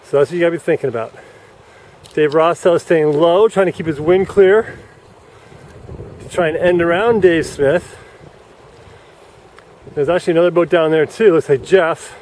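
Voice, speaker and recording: A man's voice: on the high side, moderate pace, long pauses, a little mellow. A man giving live, coaching commentary on a sailing race from a dock outdoors, explaining rules as boats pass. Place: outdoors at a yacht club dock. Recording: faint wind noise outdoors.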